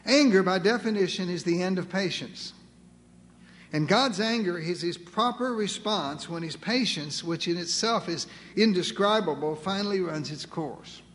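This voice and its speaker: A high-pitched male preacher delivering a sermon with dramatic, humorous flair, acting out the voices in the story. His voice rings with the long reverb of a large church hall. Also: animated, normal speed, fairly bright tone. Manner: dramatic, acts out voices of God and Moses with humor.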